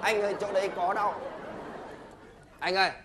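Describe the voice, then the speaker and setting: A young man playing a cheeky patient in a stage comedy sketch, talking back fast and jokingly. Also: high-pitched, level tone, over a noisy crowd, very noisy, natural voice. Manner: joking backtalk, fast and pleading.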